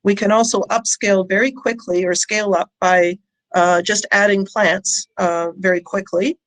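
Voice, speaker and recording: Woman doing a short online science pitch, medium pitch, lots of uhs and little stops. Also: fairly even intonation. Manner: hesitant delivery with frequent ums and pauses. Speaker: company founder and scientist presenting. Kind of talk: prepared short conference presentation. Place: online presentation with audience in chat.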